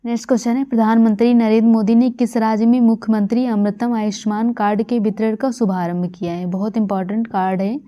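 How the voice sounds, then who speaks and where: A woman's voice: fairly high pitch, flat delivery, a little fast, few pauses, dark tone. A woman from India giving a current affairs lecture for exam preparation, repeating key facts with frequent fillers. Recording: dull lo-fi recording.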